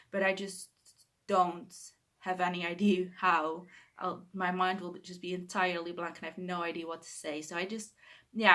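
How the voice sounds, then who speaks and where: Speaking at a medium pitch with a sharp tone, a young Dutch booktuber for whom English is a second language talks alone to camera in her bedroom at home. Her casual talk is hesitant and self-correcting, punctuated by shy laughs.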